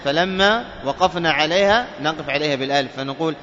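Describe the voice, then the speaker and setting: High-voiced male tajweed teacher in a hall. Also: sharp tone, slight background noise. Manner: asks the class "clear?" checks, then demonstrates by chanting words slowly. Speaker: Quran recitation teacher. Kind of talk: tajweed lesson. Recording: dull recording with long hall reverb and faint ambience.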